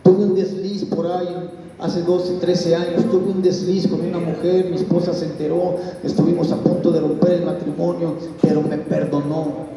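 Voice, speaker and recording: A man's voice: on the high side, flat delivery, normal speed, mellow. A middle-aged man, a pastor giving an earnest spoken testimony. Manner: earnest storytelling, acts out quoted voices. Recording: echoey hall, mic far off.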